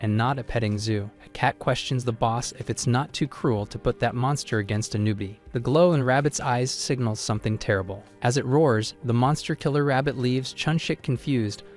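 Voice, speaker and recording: A man narrates a comic story recap in a steady, scripted voice-over. His pitch sits in a middle range and his delivery stays even. Faint background music runs beneath the narration. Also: normal speed, few pauses.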